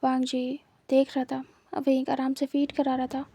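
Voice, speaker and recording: A woman's voice: high-pitched, monotone, normal speed, mellow, breathy edge, no echo. A woman with a Hindi accent narrating a fan fiction story, repeating herself for emphasis. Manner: repetitive, emphatic.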